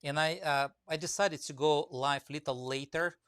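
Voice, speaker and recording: This man's voice is fairly high, steady, fairly bright, clear, and resonant at a moderate pace, recorded dry in clean studio sound. A woodcarving teacher with a Russian accent, he chats casually on a live stream, greets viewers by name, reads comments aloud, and rambles with many fillers.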